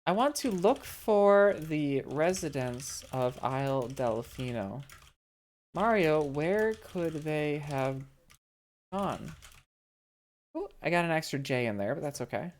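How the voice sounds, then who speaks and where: Slow, lively low-voiced woman streamer. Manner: blunt and deadpan, with bursts of laughter. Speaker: streamer playing a text adventure game. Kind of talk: reading her typed game commands aloud.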